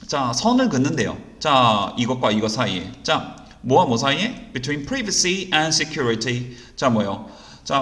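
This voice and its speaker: With a mid-range voice and fairly bright tone, a man teaches an exam-prep English reading lesson in Korean. He keeps answering his own rhetorical questions and reads the English sentences slowly and carefully, in a roomy, echoing recording.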